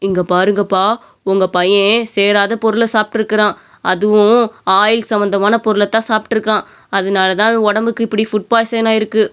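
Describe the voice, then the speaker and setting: A woman voicing a calm male doctor giving firm advice, in a cartoon story. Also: mid-range voice, brisk, clean tone, close to an everyday voice. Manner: firm, advising. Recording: dull lo-fi cartoon audio.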